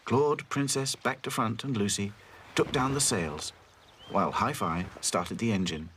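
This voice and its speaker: A man narrating a children's cartoon in a gentle, lilting storybook manner. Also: fairly low pitch, measured pace, background noise.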